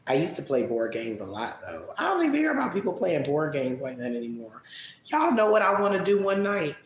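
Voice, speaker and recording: Chatty man in an echoey room. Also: a little high. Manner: relaxed, chatty, drawn-out musing answers. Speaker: vlogger answering viewer questions. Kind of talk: casual live-stream chat. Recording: echoey room with faint background noise.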